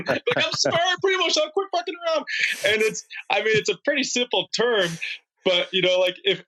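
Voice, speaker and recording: A man's voice: sits high, bright, forceful tone, highs cut off. A man guest on a podcast, telling stories casually, laughing easily and swearing now and then. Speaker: podcast guest, paragliding instructor.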